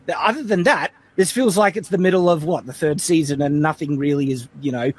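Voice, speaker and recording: A man giving measured criticism in casual chat. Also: fairly high pitch, breathy edge.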